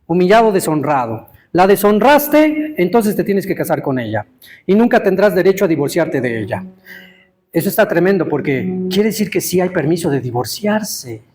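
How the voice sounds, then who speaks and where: A man giving an interactive Torah teaching to a live congregation, quizzing listeners and stressing words slowly. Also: sits high, sing-song, a little mellow.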